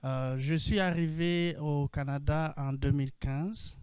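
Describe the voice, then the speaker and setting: A man from the Democratic Republic of the Congo with a Congolese French accent, introducing himself on a panel in a measured way with frequent hesitations over a video call. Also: a little high, fairly even intonation, a little mellow, smooth, no room sound. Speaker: panelist, co-op founder.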